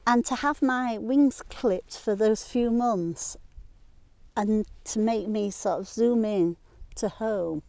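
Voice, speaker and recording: Mellow-voiced Yorkshire woman outdoors. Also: fairly high pitch, no echo. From Sheffield, England. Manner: descriptive, unhurried, points out the landscape. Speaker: guest. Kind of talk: casual outdoor conversation. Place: open hillside outdoors.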